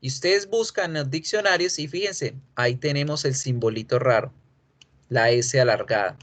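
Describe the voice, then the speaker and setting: A man teaching English pronunciation in an online lesson, drawing out each sound slowly as he models it. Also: mid-range voice, fairly bright tone. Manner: slow, drawn-out modeling of sounds.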